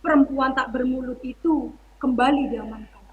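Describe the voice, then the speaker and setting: A woman's voice: sits high, moderate pace, narrow, tinny audio. A woman narrating a theatre monologue in a dramatic, declamatory way. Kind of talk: theatrical storytelling in a stage monologue.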